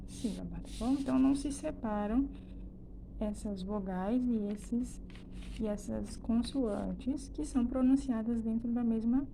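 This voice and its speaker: Warm-voiced woman teaching a lesson. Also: on the high side, gravelly, a little hiss or hum. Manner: explains slowly, with frequent "né?" and "então" restarts. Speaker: Spanish teacher. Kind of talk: recorded classroom lesson.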